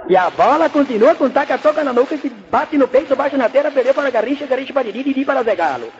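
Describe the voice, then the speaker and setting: A man playing a frantic old-time radio football commentator in a comic skit, rattling off tongue-twisting nonsense deadpan. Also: very high-pitched, fast. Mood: rapid patter. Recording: dull lo-fi radio recording, faint noise.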